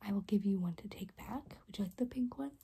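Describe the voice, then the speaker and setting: Breathy whispered role-play, young woman as gentle fairy. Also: medium pitch, fast. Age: young adult. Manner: gentle, reassuring. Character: caring, soft-spoken rainbow fairy guide. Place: small room indoors.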